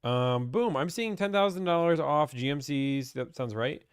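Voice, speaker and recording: A man's voice: fairly high pitch, moderate pace, clear, resonant tone, no room sound, clean studio sound. A young man from Pittsburgh, chatting casually as he reads and answers viewer questions about car buying on a live stream.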